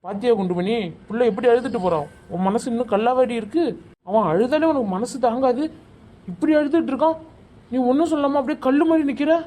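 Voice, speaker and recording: A woman's voice: fairly high pitch, quick pace, mellow, natural voice. Woman voicing a coaxing cartoon village father. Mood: coaxing, arguing. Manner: coaxing and arguing, calling his wife by name. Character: easygoing village father defending his son. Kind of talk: animated family comedy-drama.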